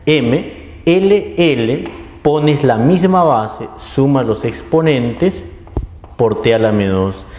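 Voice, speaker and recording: A man's voice: mid-range voice, a little mellow. A man teaching a physics lesson, explaining step by step and often checking in with his listeners. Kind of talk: classroom lecture. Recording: echoey room with long reverb.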